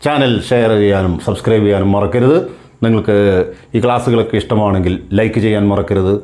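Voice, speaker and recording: A man with a Malayali accent, a native Malayalam speaker teaching a spoken English lesson, repeating example sentences slowly and explaining them step by step. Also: lowish voice, darkish tone.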